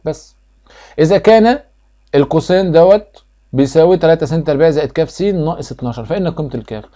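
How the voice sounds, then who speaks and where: A man with an Egyptian Arabic accent leads a math review, his voice fairly high, expressive, and mellow, and his speech fast. He fires questions at the students, answers them himself, and repeats each step like a drill.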